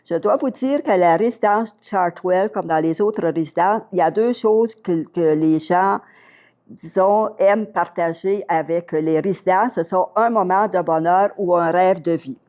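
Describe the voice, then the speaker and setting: A woman's voice: lowish voice, measured pace. An older woman with a Québécois accent, a retired teacher telling a story as an interview guest and acting out the dialogue in it. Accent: Québécois French. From Quebec. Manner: lively storyteller, acts out dialogue.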